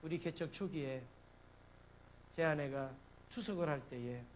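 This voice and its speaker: Middle-aged pastor preaching a lively sermon. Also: male voice, on the high side, unhurried, a little hiss or hum. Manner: storytelling with sudden loud bursts when acting out his panic. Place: church sanctuary.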